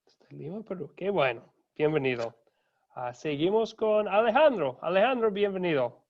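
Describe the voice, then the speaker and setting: A man, a pastor, calmly and courteously greeting each student by name in an online class over a video call. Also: sits high, normal speed. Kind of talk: unhurried roll call of students. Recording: dull lo-fi video call audio.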